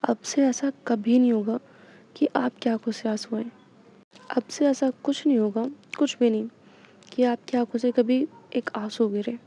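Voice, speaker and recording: A woman's voice: on the high side, fairly even intonation, moderate pace, dark tone. A woman voicing a tender young woman who pleads and apologizes to her partner.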